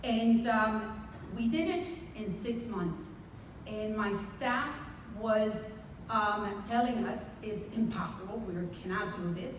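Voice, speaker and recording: A woman from the Dominican Republic speaks earnestly, heartfelt and proud, as a medical center CEO on a conference panel. Her mid-range voice goes slowly, with background noise, recorded from far off in a very echoey large conference hall.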